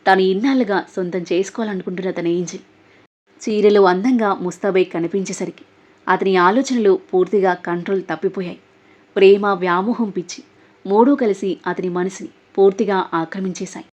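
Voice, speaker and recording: A woman narrating a romance story serial in an expressive, dramatic way. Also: medium pitch, moderate pace. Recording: dull lo-fi audio.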